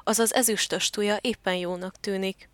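A woman's voice: mid-range voice, steady tone, a bit bright, no echo, close to an everyday voice. A woman reading the lines of Gertrud, a fussy, hard-to-please female turtle dove who is looking for a home, in a storybook voice. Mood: tired.

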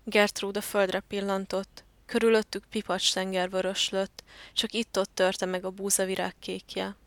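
A woman narrating a children's storybook in a calm, even reading voice. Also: medium pitch, no echo.

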